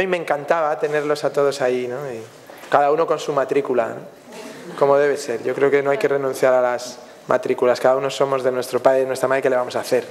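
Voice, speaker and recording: A man from Spain, a film director answering questions at a press conference, telling anecdotes in a reflective way with frequent tag questions. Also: mid-range voice. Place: festival press room. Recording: long hall reverb.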